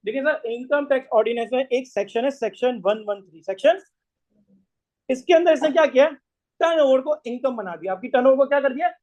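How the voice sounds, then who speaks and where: A hoarse man gives a classroom lecture, mixes in English terms, and keeps quizzing the class with repeated questions. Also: very high-pitched, animated, a little fast, darkish tone. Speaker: tax course lecturer. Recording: tinny phone-like lo-fi recording.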